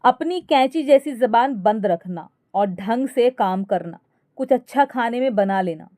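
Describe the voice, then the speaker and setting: A woman voicing a sharp-tongued middle-aged mother-in-law who talks in a scolding, bossy way in a spoken story. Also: fairly high pitch, animated, a little slow, no room sound, clean studio sound.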